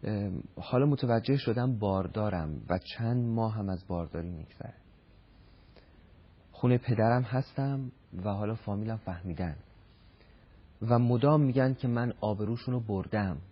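A man hosting a talk show, reading out a viewer's letter and asking calm questions. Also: fairly low pitch, husky, highs cut off.

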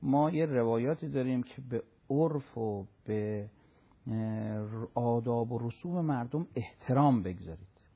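A man's voice: mid-range voice, animated, slightly rough, lo-fi sound. A man giving religious advice on a talk show, speaking fervently and scolding, sometimes acting out other people.

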